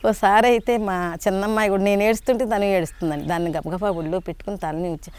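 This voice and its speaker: An older woman telling personal memories in a polite, halting conversational way, often restarting her sentences. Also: mid-range voice, fairly even intonation, a little mellow, clean tone. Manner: polite, frequent respectful "andi", halting restarts. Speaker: interviewee sharing devotional memories.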